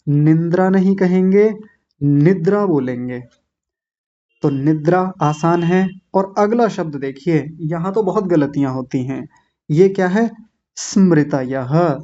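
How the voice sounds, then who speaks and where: A man teaching an online class, slowly and patiently drilling each syllable and gently correcting common mistakes. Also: high voice, muffled recording. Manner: repeats words slowly, syllable by syllable, with corrective asides. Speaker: Sanskrit pronunciation teacher. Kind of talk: slow patient classroom instruction.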